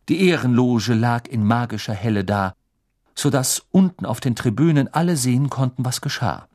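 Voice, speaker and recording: Male audiobook narrator, animated, lively pitch, expressive telling. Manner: expressive storytelling. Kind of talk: scripted narration.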